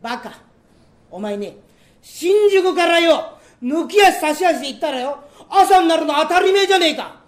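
A man performing comic storytelling, voicing a gruff, bossy male thief chief who scolds in rough street talk. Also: extremely high pitch, lively intonation, moderate pace. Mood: scolding. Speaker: rakugo storyteller.

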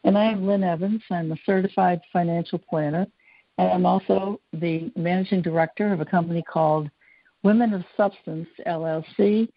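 Low-pitched woman radio co-host. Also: fairly even intonation, normal speed, no room sound, lo-fi sound. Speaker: radio co-host, financial planner. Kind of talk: radio talk show hosting.

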